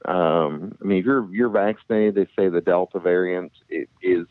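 Deep-voiced man calling in over a phone line. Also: normal speed, no room sound. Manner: hesitant, rambling, jokey. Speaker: caller. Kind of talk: casual phone chat.

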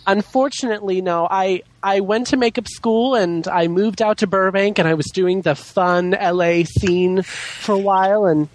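A man's voice: high-pitched, fairly even intonation, moderate pace, low-quality recording. A man chatting casually as a podcast guest, with a campy drag-queen delivery and exaggerated, theatrical inflections. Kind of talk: casual chat.

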